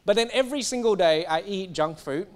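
A young man from Singapore delivers a sermon in a high, light voice. He talks with emphatic energy, often stumbling and repeating words before pushing on. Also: brisk. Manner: animated, emphatic, with stumbles and restarts. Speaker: preacher.

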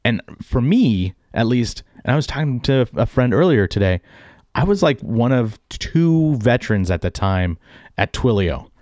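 A man hosting a casual interview, asking questions in a relaxed, loose way full of likes. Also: mid-range voice, measured pace, dry recording, studio quality. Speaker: host, interviewer.

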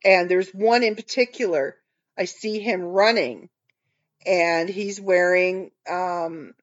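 A woman's voice: fairly low pitch, slow. A woman hosting her own podcast, telling rambling stories in an earnest, casual monologue. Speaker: podcast host. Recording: dull lo-fi recording.

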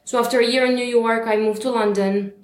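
A woman's voice: fairly high pitch, steady tone, a little fast, reverberant. A woman in her thirties from Romania, a guest on an interview podcast, telling her story in a chatty way with frequent laughs. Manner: warm and chatty, laughs often, uses fillers.

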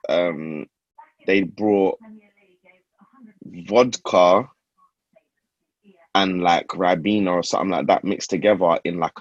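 A young man with a deep voice and a London roadman accent tells casual stories in street slang. He repeats phrases to drive them home. The sound is dry and a little muffled. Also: no room sound. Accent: London roadman (multicultural London English). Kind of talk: casual group chat, storytelling in street slang.

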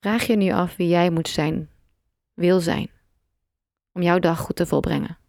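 A woman guides a meditation in a somewhat low voice. She speaks gently and calmly, leaving long pauses between short phrases. The recording is dry and close, with very little room sound. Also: gravelly, no echo.

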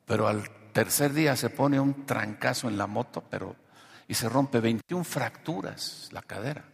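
A pastor with a Mexican accent, medium pitch, and vocal fry speaks at a moderate pace, moving from a testimony story into emphatic preaching. A long hall reverb surrounds the recording.

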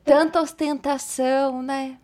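A woman co-hosting a casual podcast chat, playful and quick when telling stories. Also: high-pitched, little pitch movement, a little mellow. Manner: playful, fast storytelling. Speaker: podcast co-host.

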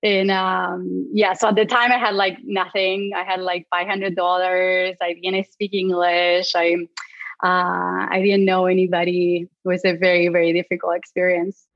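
A woman's voice: on the low side, little pitch movement, moderate pace, no room sound. Woman from Argentina, Spanish native speaker, chatty and filler-heavy, dry muffled recording. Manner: chatty, many fillers, laughs lightly. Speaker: clinical psychologist guest. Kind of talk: casual interview answers.

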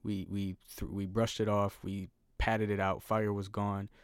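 A man hosts his own podcast alone, wandering from story to story with lots of swearing and jokes at his own expense. His voice sits low. The sound is dry and close, with no room around it. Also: little pitch movement, measured pace, clear, resonant tone, no room sound. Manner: rambling, profane, self-deprecating. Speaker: podcast host. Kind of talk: solo casual podcast monologue. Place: at home.

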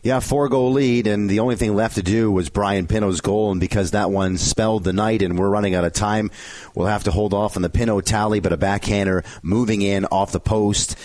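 A male sports show host giving a conversational, somewhat rambling recap of hockey highlights, correcting himself as he goes. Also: fairly even intonation, brisk, darkish tone, slight background noise.

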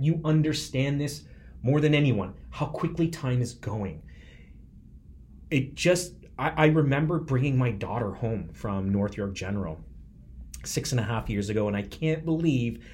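Speaking from the heart, a man in his 40s hosts a podcast with an earnest, emphatic motivational monologue, his mid-range voice a little mellow.

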